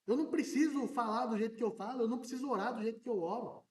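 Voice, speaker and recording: Guy pastor preaching, really high voice, gets loud and animated sometimes, echoey church hall, mic kinda far off. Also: rapid-fire. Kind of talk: sermon.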